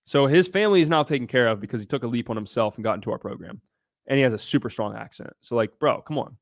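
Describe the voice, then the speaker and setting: Here the young livestream host from Southern Ohio talks fast in a mid-range voice, tossing off blunt, brash answers to viewer questions and swearing freely. The sound is studio quality, with no echo.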